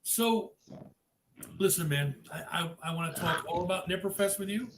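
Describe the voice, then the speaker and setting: A man hosting a live-streamed interview, upbeat and chatty, giving shout-outs to viewers. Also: high-pitched, moderate pace. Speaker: podcast host. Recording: echoey room with faint noise.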